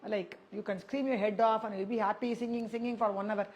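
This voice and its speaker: A woman's voice: medium pitch, steady tone, a little fast, a little mellow, highs cut off. A woman with a South Indian accent teaching singing, explaining step by step and repeating syllables and phrases to demonstrate. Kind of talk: spoken music lesson with sung syllable demonstrations.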